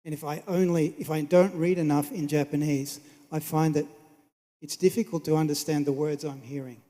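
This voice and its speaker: A man giving an explanatory academic talk, measured and polite, checking on his listeners. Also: on the high side, steady tone, mellow. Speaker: conference presenter. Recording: echoey hall with long reverb.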